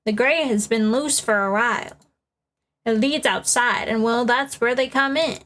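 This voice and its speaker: A woman's voice: a little high, unhurried, a bit bright. Woman putting on a fussy, scolding old-lady guard. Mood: grumbling. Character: cranky old woman security guard, gossipy and grumbling. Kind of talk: playful voiced reading of game dialogue.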